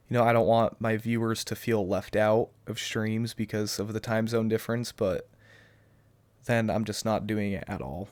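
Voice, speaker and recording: Still sounding a little flu-worn, a young gaming YouTuber works through viewer questions on a cheap webcam, chatting casually to camera. His voice sits on the low side with a clean tone and a dry recording, and his answers ramble, full of hesitations, restarts and ums.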